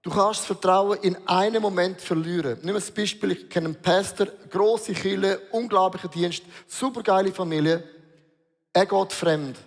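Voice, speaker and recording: A man's voice: sits high, moderate pace. A man preaching a sermon as pastor, emphatic and storytelling, mixing in English words. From Switzerland. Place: large church hall. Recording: long reverb of a large hall.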